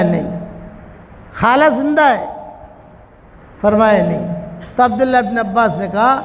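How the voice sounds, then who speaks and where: A male preacher tells a story from the pulpit, his voice pitched very high. He is animated and slips into the characters' dialogue. The recording is dull and carries the long reverb of a big hall. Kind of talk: storytelling sermon.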